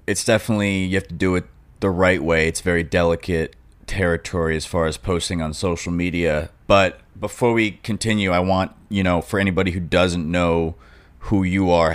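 A man's voice: low voice, smooth. A young man hosting a casual interview, talking informally. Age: young adult. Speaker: podcast host.

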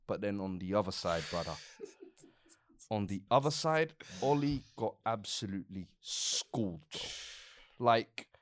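A man's voice: lowish voice, expressive, measured pace. A young man with an urban London roadman accent, talking football casually with slangy, playful banter. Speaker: football pundit.

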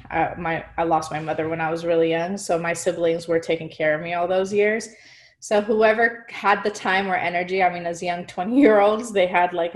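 A woman talking casually as an interview guest, chatty and full of fillers. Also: lowish voice. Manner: chatty, fillers like "like" and "you know". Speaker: music marketing guest.

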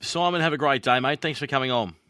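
A man's voice: medium pitch, fast, bright, forceful tone, no echo, studio quality. An Australian man hosting casual radio chat in a matey way. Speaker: radio host.

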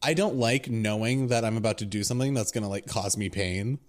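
A woman in her twenties co-hosting a podcast, chatting casually with quick teasing interjections and frequent laughs. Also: very deep voice. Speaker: podcast co-host. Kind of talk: casual chat.

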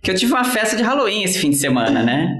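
A man's voice: high voice, sing-song, fast, a bit bright. A Brazilian man hosting a casual podcast chat, joking and telling stories with frequent laughs. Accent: Brazilian Portuguese. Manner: joking, storytelling, laughs often. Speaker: podcast host. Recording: roomy echo.

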